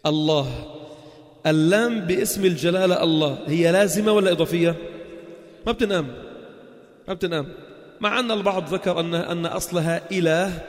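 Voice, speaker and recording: A man with a Levantine Arabic accent teaching a religious lesson in casual dialect. He often puts quick check questions to the listeners and answers them himself. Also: high-pitched, long reverb tail.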